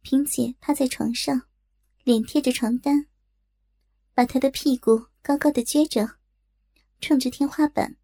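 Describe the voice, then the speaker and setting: High, gravelly-voiced woman narrator. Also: fairly even intonation, measured pace, pauses often, warm tone. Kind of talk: first-person audiobook narration.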